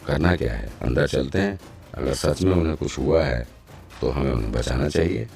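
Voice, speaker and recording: A man voicing a steady, practical male teacher figure who speaks matter-of-factly. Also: very deep voice, normal speed, creaky, faint music behind, exaggerated voice. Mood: earnest.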